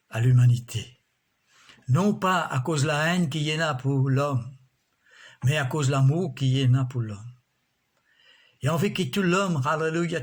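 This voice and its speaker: A man preaching a sermon in a slow, measured way, often breaking in with alleluias. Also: mid-range voice, breathy edge.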